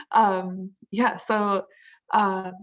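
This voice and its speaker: A woman's voice: mid-range voice, steady tone, very slow, a bit bright. Woman with choppy, cutting-out audio. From Minnesota. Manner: hesitant, many fillers and restarts. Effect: choppy audio that keeps cutting out. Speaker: panel speaker. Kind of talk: casual talk on a video call. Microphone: video call.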